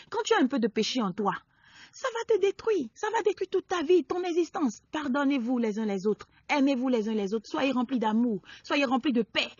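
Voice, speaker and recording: A woman preaching a sermon. She exhorts her listeners, swinging between loud emphatic peaks and low quiet asides. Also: husky, no echo. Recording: dull lo-fi dry recording.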